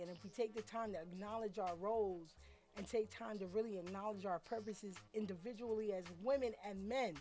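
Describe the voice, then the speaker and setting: A woman caller in a voice note, speaking earnestly and haltingly, with conviction. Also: mid-range voice. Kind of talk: voice note to a talk show. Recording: music playing underneath.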